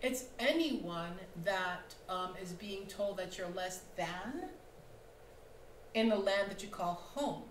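Speaking slowly with lively intonation at a medium pitch, the woman playwright and producer shares her views at a post-show panel on a small indoor theater stage. Thoughtful and emphatic, she often asks "right?", and the recording has a roomy hall quality with faint noise.

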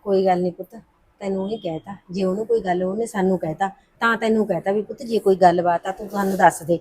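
A woman's voice: medium pitch, fairly even intonation, fast talker, darkish tone, breathy edge, lightly acted. An actress playing a middle-aged mother who soothes and pleads with her daughter, speaking. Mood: soothing. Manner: soothing, pleading, says "puttar" a lot. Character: soothing middle-aged mother smoothing over family quarrels. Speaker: the heroine's mother.

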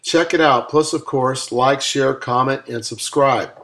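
A man's voice: mid-range voice, measured pace, fairly bright tone. A man reading his own audiobook aloud in an upbeat, motivational coaching manner, with casual asides. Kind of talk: self-read audiobook narration.

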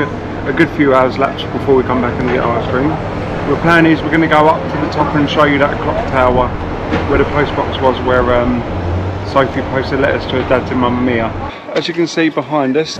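A man's voice: medium pitch, highs cut off, very noisy. Chatty man vlogging outdoors. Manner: chatty, blunt, swears casually. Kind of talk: casual travel vlog. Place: outdoors in a town street.

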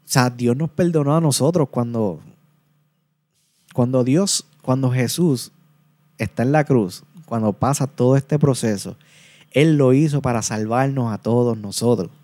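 A man's voice: mid-range voice, measured pace, a little mellow. A man, hosting a podcast and talking through a book review in an earnest, casual way, often repeating and restarting his words. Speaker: podcast host.

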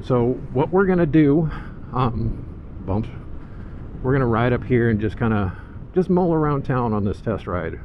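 A man giving casual, easygoing riding commentary from inside a helmet as he vlogs on a scooter. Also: lowish voice. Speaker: motorcycle vlogger. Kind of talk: casual first-ride vlog commentary while riding. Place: outdoors, riding a scooter through town streets. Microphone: mic inside a motorcycle helmet. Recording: muffled helmet mic, loud wind and road noise.

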